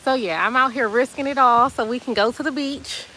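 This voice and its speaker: A woman's voice: high-pitched, a little fast, a little hiss or hum, low-quality recording. Breathless chatty woman vlogging outdoors. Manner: chatty, animated, says y'all. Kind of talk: casual vlog chat. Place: outdoors walking to the beach. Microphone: phone camera.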